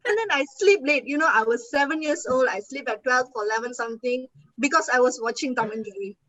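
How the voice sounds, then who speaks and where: A young woman hosting a casual student livestream chat, animated and emphatic. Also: sits high, quick pace, no echo, dull audio. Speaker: student council host.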